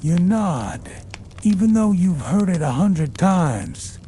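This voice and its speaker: A man narrating a scripted bedtime story in a soothing, measured storytelling delivery, as if to help someone fall asleep. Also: high voice, big pitch swings, mellow, a little hiss or hum.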